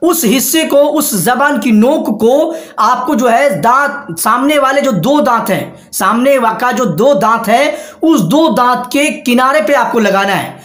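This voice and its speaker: A man teaching Arabic letter pronunciation in an online lesson, patient and repetitive, drawing out each letter sound slowly. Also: extremely high pitch, animated, fairly bright tone, reverberant.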